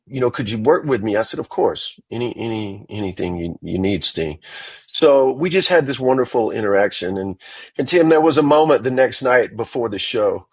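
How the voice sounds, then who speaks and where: A man with a husky voice tells stories from his music career as an interview guest. He is animated and acts out the quoted dialogue. The sound is close and dry. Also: mid-range voice, no room sound. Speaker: guitarist guest. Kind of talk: storytelling interview.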